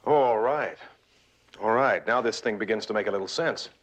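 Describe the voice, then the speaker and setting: An actor playing a smooth, evasive husband with a secret in a television crime drama. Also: male voice, lowish voice, moderate pace, noisy background, lightly acted. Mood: guarded, composed.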